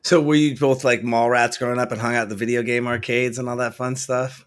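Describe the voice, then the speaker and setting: A man's voice: medium pitch, flat delivery, brisk, clean tone. A man hosting an interview, asking long, meandering questions in a casual tone. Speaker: interviewer host.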